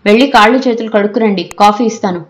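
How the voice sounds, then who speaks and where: A woman voicing an irritable, anxious middle-aged mother who scolds her family in sharp outbursts, in an audiobook reading. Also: mid-range voice, fast, soft background music, lightly acted. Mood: scolding.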